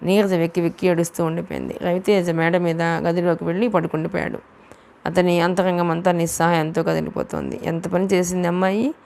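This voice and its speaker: A woman's voice: on the low side, gravelly, a little mellow. A woman reading a novel aloud as an audiobook narrator, steadily telling the story and voicing the dialogue herself.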